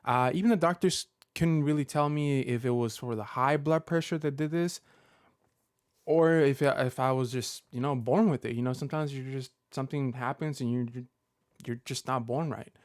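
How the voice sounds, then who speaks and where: Talking casually to his audience, a thirties-aged man who makes Pokemon content shares a personal vlog update, stopping and starting with plenty of fillers. The close, dry recording carries his smooth, resonant voice at a normal pitch, with no room sound.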